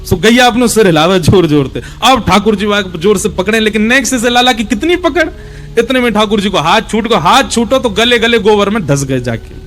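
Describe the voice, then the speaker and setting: A man with a Braj accent telling devotional stories in an animated, folksy way, stopping to explain words to listeners. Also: high voice, fairly quick, a little hiss or hum. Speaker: katha storyteller. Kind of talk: devotional storytelling sermon.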